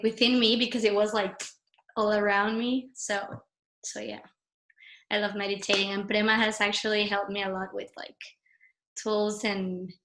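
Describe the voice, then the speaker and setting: Woman, workshop participant, rambling intro, bright flat voice, echoey room. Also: mid-range voice. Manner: rambling, heavy use of filler words. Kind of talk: casual introduction.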